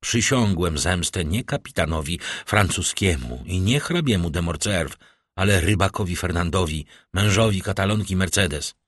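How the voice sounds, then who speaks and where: A man voicing a middle-aged, vengeful nobleman who speaks with icy calm and bitter irony. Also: deep voice, moderate pace, dry recording, studio quality.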